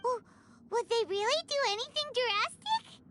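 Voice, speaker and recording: A woman voicing a small, cheeky, excitable childlike companion sprite in a video game, with a squeaky voice. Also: normal speed, background noise. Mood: cheeky, questioning.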